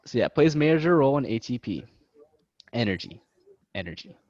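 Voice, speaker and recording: A man's voice: medium pitch, very animated, brisk, darkish tone, no echo. Young man tutoring casually over video call. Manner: loose, joking, self-deprecating. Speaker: student tutor. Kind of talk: casual study-session teaching. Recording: dull lo-fi video call audio.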